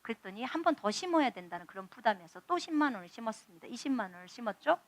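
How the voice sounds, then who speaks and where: Lively woman preaching a testimony. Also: fairly high pitch, fast, no echo. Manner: animated storytelling, acting out dialogue. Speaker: missionary preacher. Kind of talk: testimony sermon.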